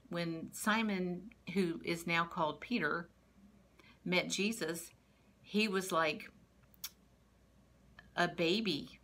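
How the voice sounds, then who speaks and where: A woman's voice: sits low, a bit bright. A woman teaching a Bible lesson to young children as a patient storyteller. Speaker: Sunday school teacher.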